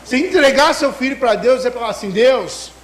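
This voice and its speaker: A man preaching a sermon in an emotive way, swinging between loud outbursts and hushed asides. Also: very high voice, animated, brisk, echoey room, slight background noise, poor audio.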